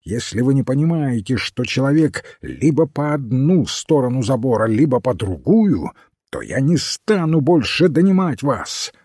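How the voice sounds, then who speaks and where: A man's voice: mid-range voice, sing-song, normal speed, dark tone, slightly rough, dry recording, clean studio sound. A man voicing an irritable, strictly logical doctor who argues insistently and loses patience. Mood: exasperated. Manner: exasperated, insistent. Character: irritable, logical male doctor, impatient scholar.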